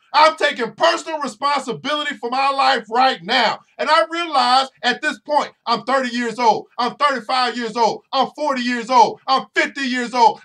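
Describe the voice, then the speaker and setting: A man with a very high, sharp-toned voice hosts a motivational podcast as a financial educator. He preaches to his listeners head-on and keeps repeating phrases for emphasis.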